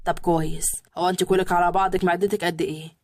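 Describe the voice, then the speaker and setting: A woman voicing a cold, sarcastic young husband with an Egyptian accent, curt and gruff. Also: high voice, flat delivery, very fast, no echo, clean studio sound, voice pushed down. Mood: gruff dry. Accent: Egyptian Arabic.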